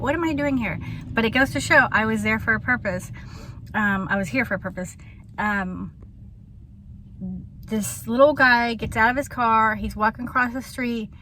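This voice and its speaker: A woman vlogs casually outdoors in a small town, her voice on the high side, with a slight hiss or hum in the audio. She rambles through a story full of ums and laughter, at times lowering to a hush.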